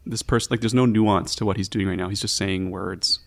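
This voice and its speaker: A man's voice: sits low, steady tone, brisk, vocal fry, dry recording. A man narrating a tabletop fantasy game casually as game master.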